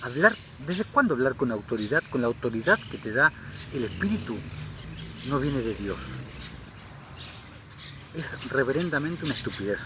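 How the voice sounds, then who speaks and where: Fervent preacher over background noise. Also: male voice, medium pitch, sing-song, moderate pace, long pauses. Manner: fervent, rising to loud emphatic declarations. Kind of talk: Bible reading and sermon commentary.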